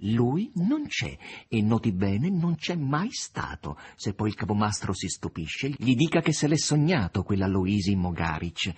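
A man voicing a sly, fussy demon servant with a theatrical manner and a husky voice. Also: fairly low pitch, sing-song, unhurried, few pauses, darkish tone, full character voice.

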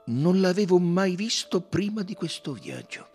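A man reading an audiobook, voicing a stiff, gruff older British army colonel who talks in clipped, grumbling, hesitant phrases. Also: high voice, big pitch swings, unhurried, darkish tone, soft background music, voice pushed up.

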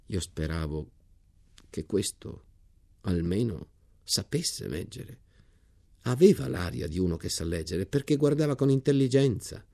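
A man reading a novel aloud in a measured, calm narration. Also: fairly low pitch, gravelly. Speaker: reader of a novel.

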